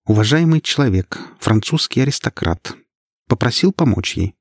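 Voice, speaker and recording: A man's voice: mid-range voice, expressive, normal speed, no echo, clean studio sound, pitched above the performer's own voice. A man voicing a frightened, anxious middle-aged wife. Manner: anxious, hesitant.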